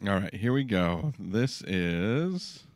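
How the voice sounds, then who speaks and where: A male podcast co-host chiming in with dry, quick-witted quips during casual chat. His voice is lowish and lively in pitch, and he speaks slowly. A faint hiss sits under the recording.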